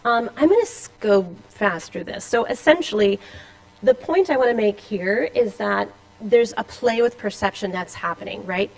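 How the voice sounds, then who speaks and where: A woman's voice: medium pitch, lively intonation, normal speed, vocal fry, poor audio. A woman presenting a scholarly paper at a conference, with a slight Boston accent, reading with casual asides and fillers in a lecture room. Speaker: conference speaker. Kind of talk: academic conference talk.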